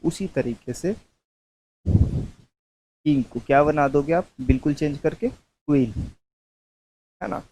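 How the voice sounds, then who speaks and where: A man teaching a grammar lesson, dictating slowly and repeating terms, calling his students "babu". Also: a little high, darkish tone, poor audio. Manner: slow, repetitive dictation, mixing English terms into Hindi.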